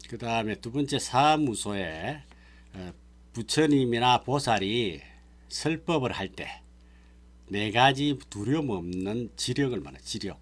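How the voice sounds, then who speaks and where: Man of middle pitch as a monk teaching a sutra class; patient, term-by-term explanation. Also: animated, unhurried. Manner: explains terms one by one, checks with listeners. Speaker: Buddhist monk lecturer. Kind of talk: sutra lecture.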